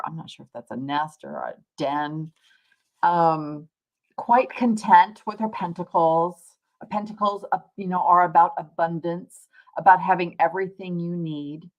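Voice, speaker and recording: In a poor-quality recording, a woman with a low-pitched voice hosts a casual tarot livestream. She reflects aloud with her viewers in a conversational style, rephrasing things as she explains.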